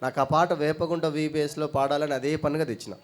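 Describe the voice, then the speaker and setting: A man's voice: on the high side, steady tone, fairly quick. A man teaching at a children's Bible school, chatting casually and quizzing the kids with playful questions.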